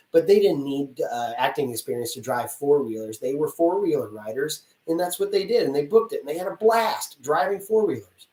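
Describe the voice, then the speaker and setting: With a fairly high-pitched yet darkish voice, a male casting director gives actors candid, chatty tips in a live Q&A. He acts out mini dialogues as he talks, and the sound is roomy and far-off.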